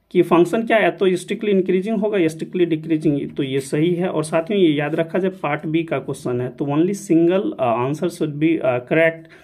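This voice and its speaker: A fairly high-pitched man with an Indian accent teaches an exam-prep maths lesson. He explains each step patiently, repeats the key result several times and checks that his listeners follow. He switches into English for the technical terms. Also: warm tone.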